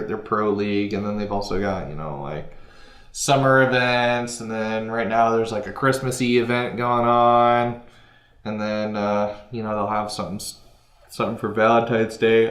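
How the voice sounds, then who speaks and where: A man's voice: fairly low pitch, steady tone, normal speed, a bit bright. A young man hosting a casual gaming podcast, rambling and hesitant, often trailing off and restarting his sentences. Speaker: podcast host. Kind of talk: casual chat. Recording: echoey room.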